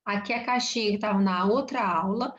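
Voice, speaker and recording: A woman's voice: mid-range voice, a little fast, fairly bright tone. A woman with a Brazilian Portuguese accent teaching a recorded grammar lesson, explaining step by step and checking in with short tag questions. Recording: dull lo-fi recording.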